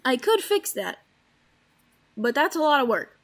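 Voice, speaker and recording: A woman's voice: sits high, big pitch swings, a little slow. Chatty woman rambling over gameplay. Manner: rambling, chatty, lots of fillers. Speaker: Minecraft let's-player. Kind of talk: casual gameplay commentary.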